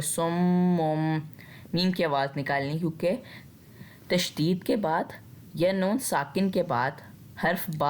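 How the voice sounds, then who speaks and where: A woman with a Pakistani Urdu accent teaching Quran recitation rules patiently, step by step. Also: low voice. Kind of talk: tajweed lesson with recitation.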